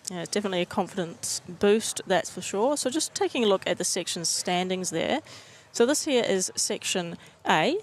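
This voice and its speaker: A woman's voice: medium pitch, animated, moderate pace, hardly any pauses. A woman with a New Zealand accent doing upbeat, chatty live commentary on a sports broadcast.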